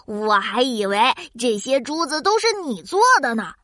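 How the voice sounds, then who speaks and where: A cheerful little child who hosts a children's science cartoon. The voice is very high and bright, with a dry, close sound. It is childlike, curious and full of wide-eyed exclamation. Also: female voice, very animated, takes it slowly, no echo, heavily acted. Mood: curious, impressed.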